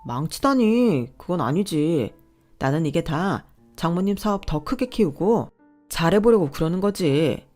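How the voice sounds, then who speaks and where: A woman's voice: fairly low pitch, animated, normal speed, darkish tone, faint music behind, natural voice. A woman reading a greedy, entitled husband. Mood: pleading. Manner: entitled, whining, bossy. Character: greedy boastful husband, adult man.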